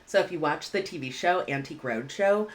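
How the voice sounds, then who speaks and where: Recorded on a webcam in a room at home, a woman with a low, expressive voice teaches English vocabulary. Her delivery is clear and measured, with casual asides mixed in.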